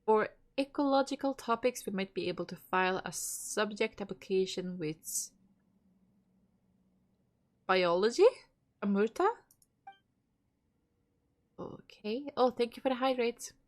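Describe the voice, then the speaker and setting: At a medium pitch, a little slow and with long pauses, a stuffy-nosed woman streaming a game reads its dialogue aloud and chats casually with viewers, swearing occasionally and laughing between lines.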